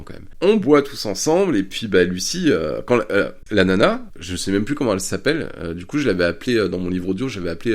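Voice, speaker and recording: A man's voice: fairly low pitch, a little mellow. A man hosting a podcast, telling a crude story in a chatty, casual way and laughing often. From France. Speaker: podcast host. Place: Bordeaux area.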